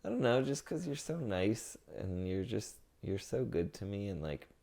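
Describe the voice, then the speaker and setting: A man's voice: lowish voice, very animated, moderate pace, dark tone. A young man in casual podcast chat with his partner, rambling with lots of "like" fillers and talking openly about feelings. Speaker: podcast co-host.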